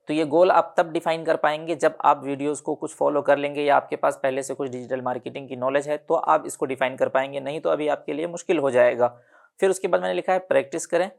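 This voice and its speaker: A man explaining a casual online tutorial, unhurried, often pausing with "uh" and correcting himself as he reads from his notes. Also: a little high, creaky. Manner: unhurried, many "uh" fillers and self-corrections while reading from notes. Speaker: online digital marketing instructor.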